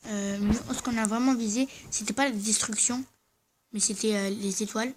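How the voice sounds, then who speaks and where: A medium-pitched, steady-toned voice with slight background noise belongs to a gaming video host doing casual gameplay commentary. Braces slightly affect their speech, making it a bit slurred and odd, and they sound hesitant and halting, often correcting themselves.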